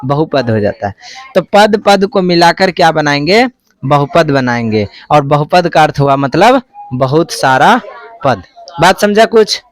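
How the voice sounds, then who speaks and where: Here a man with a slightly high voice and lively intonation teaches a math lesson without rushing. Students are drilled through repeated call-and-response questions, and he repeats whatever they answer.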